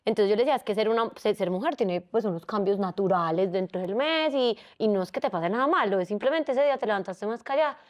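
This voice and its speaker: A woman psychologist co-hosting a relaxed interview, talking at a brisk clip. She is animated and slips into different voices whenever she quotes someone. Her voice sits in an ordinary middle register. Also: mid-range voice. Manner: animated, acts out quoted people in changing voices. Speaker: psychologist, podcast co-host. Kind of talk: casual conversational interview.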